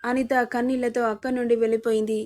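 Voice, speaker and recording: A woman narrating a dramatic story in a steady, scripted storytelling manner. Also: on the high side, fast.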